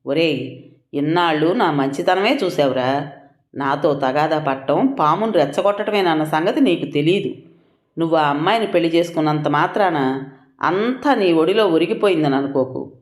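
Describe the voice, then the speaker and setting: Angry uncle yelling insults at his nephew, as the storyteller puts him on, raised harsh voice, echoey room. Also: mid-range voice, expressive, moderate pace, lightly acted. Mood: threatening. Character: furious middle-aged uncle scolding his nephew. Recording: roomy echo.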